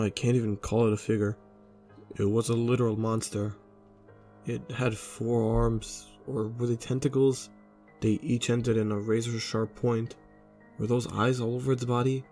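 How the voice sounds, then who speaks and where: A man narrating a scripted horror story in a steady, low-key way.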